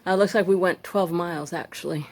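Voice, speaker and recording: Lady vlogging on a hike, out of breath, chatty and rambly, lowish voice. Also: fairly quick. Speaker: hiking vlogger. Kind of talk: casual vlog chat. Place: outdoors on a hiking trail.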